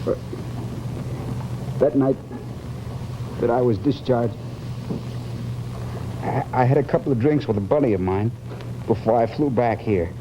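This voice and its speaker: A man's voice: medium pitch, unhurried, pauses often, close to an everyday voice. An actor playing a haunted, guilt-ridden man confessing his fear of death, intense and brooding in the manner of 1950s television drama. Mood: grim confession. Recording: muffled, noisy old television soundtrack.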